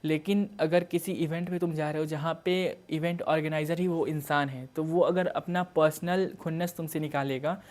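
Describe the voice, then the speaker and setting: A man's voice: a little high, fairly even intonation, normal speed, hardly any pauses, a little mellow. A young man giving a casual exam-prep lecture, explaining terms with everyday examples and mixing in English words. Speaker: teacher.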